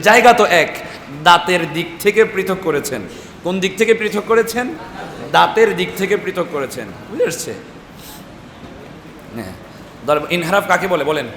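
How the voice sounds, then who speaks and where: A man's voice: high voice, fairly bright tone. A man teaching Quran recitation to a class, quizzing the students and drilling syllables again and again. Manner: drills students with repeated questions and chanted syllables. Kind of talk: classroom tajweed lesson. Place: large echoey madrasa classroom with students. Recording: echoey hall with noisy class.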